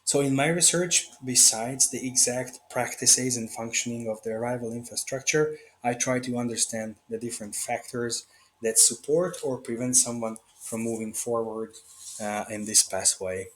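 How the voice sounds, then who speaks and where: A man from Hungary speaks, presenting his research project. His voice sits in a middle register, and he talks in a measured way, pausing on hesitations. A faint background hum runs underneath. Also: mid-range voice, fairly bright tone, low-quality recording. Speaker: researcher at a migrant aid group.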